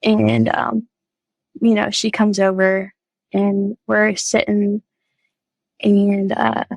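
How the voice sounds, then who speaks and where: A woman recounts her own faith journey as a podcast guest. She talks slowly, with a gravelly edge. She is earnest and halting, and her voice sounds dry and close to the mic. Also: mid-range voice, little pitch movement, dry recording, rough recording. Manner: halting, earnest, many fillers and restarts. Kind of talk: personal faith testimony, casual storytelling.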